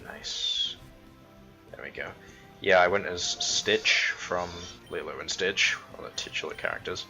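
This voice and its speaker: Low-voiced rambling young man gaming. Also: measured pace, bright, forceful tone, soft background music. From Isle of Man. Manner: rambling, full of fillers, spins absurd made-up stories. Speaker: gaming commentator. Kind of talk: casual let's-play commentary.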